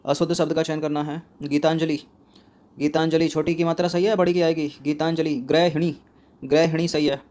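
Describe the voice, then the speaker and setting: A man with a slightly high voice works through a spelling quiz like a coaching-class teacher. He repeats each word, asks a question and answers it himself, close on the mic. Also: level tone, normal speed, a little mellow.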